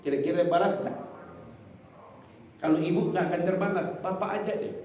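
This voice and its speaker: A man preaching a sermon in a mosque, telling a story dramatically and swinging between hushed and loud. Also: high voice, fairly even intonation, moderate pace, a little hiss or hum. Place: mosque hall. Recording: very echoey hall, mic at a distance.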